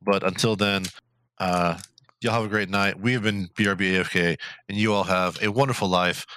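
Bright-voiced man rambling casually. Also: sits low, fairly even intonation, normal speed, a little hiss or hum. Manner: rambling, profane, many restarts. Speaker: podcast co-host. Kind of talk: casual chat.

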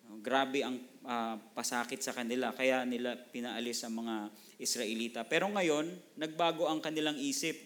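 A man's voice: medium pitch, steady tone, normal speed, fairly bright tone. A middle-aged man from the Philippines preaching a Bible sermon in a conversational way, often checking in with "no?" and slipping into English phrases. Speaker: pastor.

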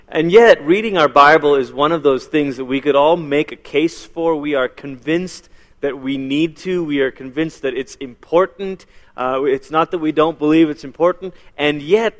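A man's voice: medium pitch, a bit bright, long reverb tail. A man in his thirties from Malaysia, giving a chatty church teaching as guest speaker and joking with the audience. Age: 30s.

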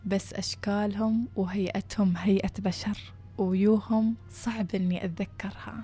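A woman narrating a story, acting out the people in it with lively shifts of voice. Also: medium pitch, moderate pace, over music. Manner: animated, acts out villagers' voices.

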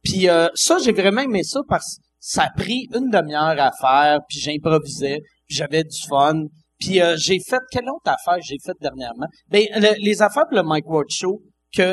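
A man's voice: a little high, normal speed, slight background noise. A Québécois French man chatting casually on a podcast, often hesitating with fillers. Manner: hesitant, filler-heavy talk. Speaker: podcast host.

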